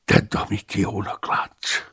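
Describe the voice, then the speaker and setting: A man voicing an irritable, easily alarmed abbot in an audiobook, speaking with a gravelly, husky edge. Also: a bit bright, close to an everyday voice. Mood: stern. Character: irritable fearful male abbot. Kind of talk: audiobook character voice.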